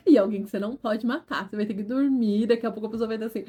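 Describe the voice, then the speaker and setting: A woman's voice: on the high side, quick pace, warm tone, slight background noise. A woman in her twenties with a Brazilian Portuguese accent, telling her personal story to camera in an earnest, candid way and talking straight to her viewers. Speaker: vlogger.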